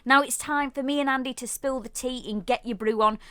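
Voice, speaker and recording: A British woman co-hosting a casual podcast, chatty and quick to laugh, reading out news stories. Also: high voice, steady tone, sharp tone, clear, resonant tone, no room sound. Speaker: podcast co-host.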